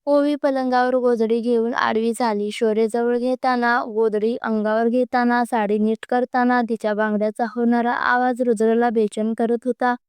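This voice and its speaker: A woman reads a story aloud in a plain, steady way, now and then stopping to restart a word. Her voice is clear and slightly high with little melody. The recording is close and dry. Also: normal speed, few pauses, no echo. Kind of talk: storybook narration.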